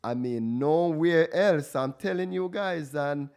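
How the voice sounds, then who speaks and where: A man's voice: fairly high pitch, takes it slowly, darkish tone, smooth. A man hosting a radio talk show, enthusiastic and addressing listeners directly, often stumbling and restarting. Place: radio studio.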